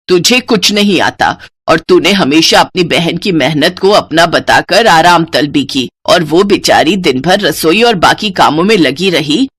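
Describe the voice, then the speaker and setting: A woman voicing a stern older mother-in-law in a cartoon story, dropping her voice low and talking firmly. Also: a bit bright, slightly rough, exaggerated voice. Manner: lowered voice, scolding and firm.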